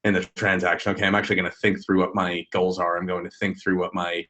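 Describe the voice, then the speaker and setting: A man with a very low voice co-hosts a live webinar. He explains ideas in a measured, thoughtful way over a video call. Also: flat delivery, pushed and bright. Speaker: webinar co-host.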